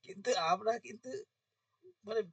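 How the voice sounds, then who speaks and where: High-voiced teacher, far from the mic. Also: male voice, steady tone, moderate pace, fairly bright tone, breathy edge, no room sound. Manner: informal, asks students questions and dictates notes. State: voice getting hoarse. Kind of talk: classroom lesson to students.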